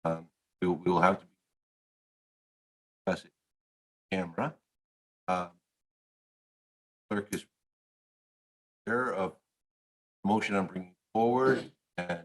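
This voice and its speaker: A man chairing a council meeting as acting mayor, in a formal, halting way with restarts, his voice breaking up into staccato static and sounding faint and far from the mic. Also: sits low. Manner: halting, with many restarts and fillers. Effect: audio breaking up with staccato static. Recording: quiet, distant voice too far from the mic.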